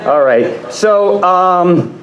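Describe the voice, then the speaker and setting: A man's voice: high-pitched, animated, extremely slow, highs cut off. A man doing a stand-up comedy set on a club stage, rambling and crude, often laughing at his own jokes. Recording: echoey club room.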